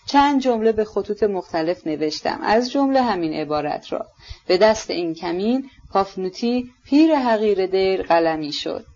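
A woman voicing a gentle young prince who explains things seriously, clearly and precisely, on a dull lo-fi recording. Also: medium pitch. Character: gentle, earnest young prince, meek man.

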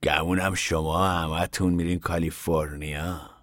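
A man voicing a bitter, ragged older drifter who talks slowly, quietly and slyly in an audiobook reading. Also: low-pitched, level tone, no echo, studio quality. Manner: slow, quiet, drawn-out, sly.

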